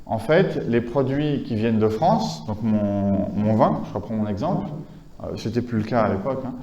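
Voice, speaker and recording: A man's voice: fairly low pitch, normal speed, dark tone, roomy sound, muffled recording. A man giving a conference lecture, talking with many hesitations, fillers and restarts. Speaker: conference speaker.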